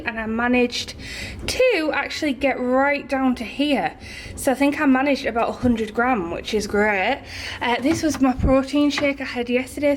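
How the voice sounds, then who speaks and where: A woman's voice: a little high, slight background noise. A young woman chatting casually to camera in a vlog, a little tired and out of breath, rambling with fillers. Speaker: vlogger.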